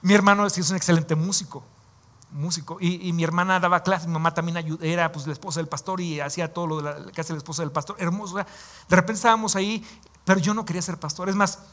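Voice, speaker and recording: A man's voice: high voice, steady tone, quick pace, fairly bright tone. A man in his forties, a pastor, telling his own story in a sermon in an emotional, confiding way. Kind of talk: sermon testimony.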